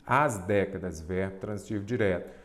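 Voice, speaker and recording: Lower-voiced man teaching grammar. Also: normal speed. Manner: explanatory, asks rhetorical questions, stresses key terms. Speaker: Portuguese teacher. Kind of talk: exam-prep lesson at a board.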